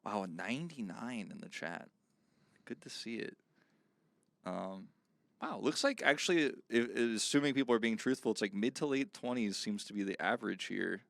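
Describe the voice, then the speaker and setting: A man's voice: on the low side, lively intonation, moderate pace, gravelly, a bit bright, no echo. A man in his thirties, a playful and chatty esports caster doing casual commentary. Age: 30s.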